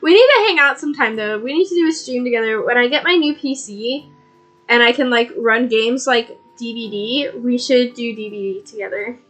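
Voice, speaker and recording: A young woman chatting casually on a live stream in a cute, bubbly anime-streamer manner, giggly and excitable. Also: a little high, moderate pace. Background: music.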